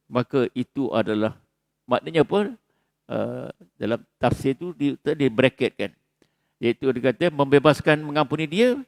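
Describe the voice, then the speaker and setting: Animated Malaysian male preacher. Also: mid-range voice, creaky, no room sound, clean studio sound. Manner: animated, acts out quarrels, peppers talk with "ha" and "ya?". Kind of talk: dawn mosque lecture. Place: mosque.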